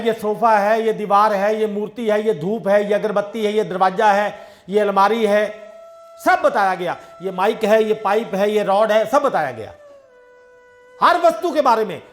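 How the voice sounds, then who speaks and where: This man sits high in pitch and speaks a little slowly over slight background noise. As a satsang preacher, he delivers a devotional sermon through everyday parables, voicing the dialogue himself in a conversational storytelling way.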